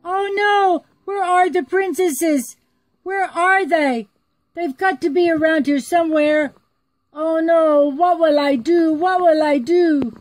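A woman's voice: medium pitch, very animated, slow, mellow, breathy edge, faint music behind, exaggerated voice, poor audio. A woman voicing a fond, fretful old king in a storybook, in a fussing, fatherly way. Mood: panicked.

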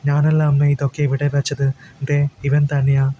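A man voicing a hot-tempered young woman, an elder sister, in flat, clipped complaints. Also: on the high side, moderate pace, slight background noise, close to an everyday voice. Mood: annoyed.

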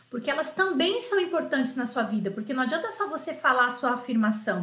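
A woman's voice: high voice, a bit bright. A woman teaching an online French lesson, coaxing her students and drilling phrases by repetition. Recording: roomy echo.

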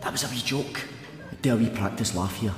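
A man's voice: fairly low pitch, fairly quick. An actor with a Scottish accent voicing an anxious man's self-critical inner thoughts in sketch comedy, urgent, with a reverb effect. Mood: anxious urging. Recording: echoing reverb over music.

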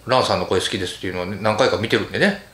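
A man's voice: lowish voice, racing, fairly bright tone. A man with a Kansai accent co-hosting a casual talk show, joking and laughing often as he chats. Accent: Kansai Japanese. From Osaka. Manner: joking, laughs often, likes doing impressions. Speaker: co-host of a talk channel. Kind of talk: casual banter. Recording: echoey room.

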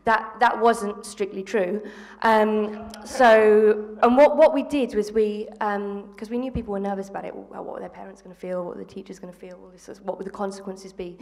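A woman's voice: medium pitch, normal speed, few pauses. Earnest woman on a theatre stage. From England. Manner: earnest, animated, many ums and restarts. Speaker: panel guest, former school strike organiser. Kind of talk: live panel discussion. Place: theatre stage before an audience. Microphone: handheld mic. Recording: long reverb of a theatre hall.

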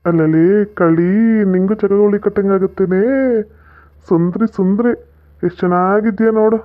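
An actor with a North Karnataka Kannada accent playing a pushy, lecherous middle-aged village moneylender with a coaxing drawl. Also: male voice, high-pitched, steady tone, moderate pace, lightly acted. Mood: leering. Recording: tinny phone-like audio.

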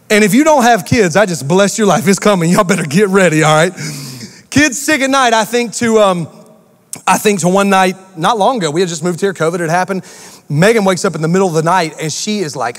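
A man preaching a sermon as pastor, animated and talking straight to the congregation with asides and call-outs. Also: high-pitched, long reverb tail. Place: church auditorium.

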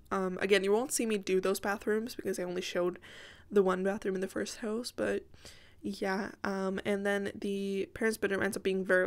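A woman talks through a gaming video in a casual, rambling voiceover at a middling pitch. Her voice is strained and sore, cracking now and again, and she often breaks off into chatty asides. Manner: chatty, self-interrupting, apologetic asides.

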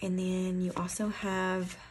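A woman's voice: lowish voice, little pitch movement, takes it slowly, slight background noise. A woman with an Appalachian accent giving a casual tarot card reading, rambling and correcting herself as she thinks aloud. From Appalachian foothills, USA. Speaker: tarot reader.

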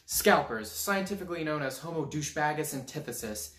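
A man's voice: on the high side, animated, brisk, fairly bright tone, reverberant, faint music behind. A man narrating a comedic scripted vlog with a sarcastic, self-mocking manner that swings into sudden mock outbursts. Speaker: YouTube creator.

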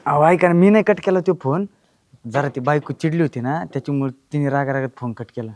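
A man's voice: fairly high pitch, fast talker, darkish tone, close to an everyday voice. An actor playing a poor young husband who lied about his wealth, pleading and evasive. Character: broke young husband, sheepish liar, pleading. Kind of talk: comic village drama acting.

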